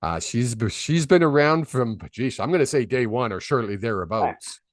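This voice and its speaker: A man with a medium-pitched, animated voice hosts a live stream of psychic readings, rambling chattily at a moderate pace with many fillers. He talks into a desk microphone on a video call, and the audio is dry and studio quality.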